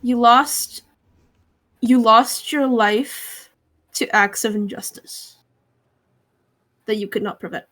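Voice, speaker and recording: A young woman playing a tabletop game, earnest and quick to laugh. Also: fairly high pitch, a bit bright. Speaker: player. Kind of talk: tabletop game play, in-character pleading.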